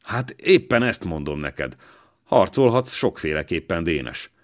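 A man voicing a gruff, deep-voiced old man. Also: sing-song. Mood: gruff, fatherly. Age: older. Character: wounded old man, former royal servant, gruff, fatherly.

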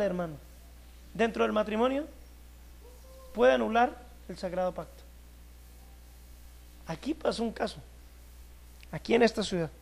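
A male pastor delivering an emphatic sermon, drawing out key words and moving between loud and hushed delivery. His voice is unusually high for a man and deeply gravelly.

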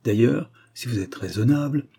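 A man's voice: medium pitch, normal speed, mellow, husky, pitched above the performer's own voice, natural voice. A man voicing an implacable blackmailing spy. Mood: menacing. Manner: menacing, commanding. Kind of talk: audiobook reading of a spy novel.

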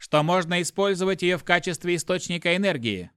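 A cold, detached onboard ship computer, put on by a man reading an audiobook, reports in a flat, emotionless tone. It sits higher and louder than the reader's own voice. The recording is dry and close. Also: a little fast, clean tone, dry recording. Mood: cold, announcing.

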